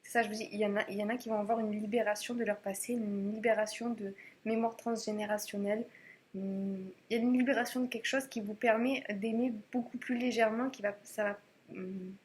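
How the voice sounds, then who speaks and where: A woman's voice: mid-range voice, fairly even intonation, brisk, darkish tone. A woman giving a casual tarot reading to camera, chatty and hesitant, with many fillers and restarts. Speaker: tarot reader.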